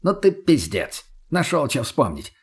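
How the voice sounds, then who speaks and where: Crude loudmouth young man, voiced by a male narrator, husky and pitched up, all jeers. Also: wildly swooping pitch, a little slow, full character voice. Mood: scornful. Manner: taunting, swearing, sneering. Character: crude foul-mouthed young male slacker, mocking.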